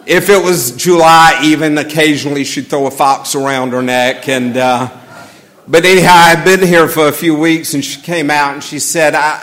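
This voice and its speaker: Southern man preaching a reflective eulogy. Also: mid-range voice. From Atlanta, US South. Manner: reflective, measured, with gentle humor. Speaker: pastor. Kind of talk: funeral sermon. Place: church sanctuary.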